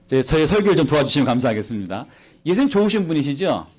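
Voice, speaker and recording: Holding a microphone, this male missionary delivers a lively, playful sermon at church, firing questions at the congregation. His pitch is fairly high and his delivery rapid-fire.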